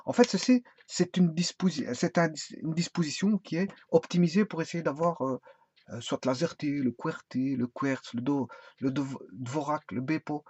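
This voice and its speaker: A man's voice: on the high side, moderate pace, a little mellow, husky. A man explaining a laptop keyboard in a casual spoken tutorial, rambling and hesitant with many fillers and restarts. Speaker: tutorial presenter. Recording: dull lo-fi sound with faint hiss.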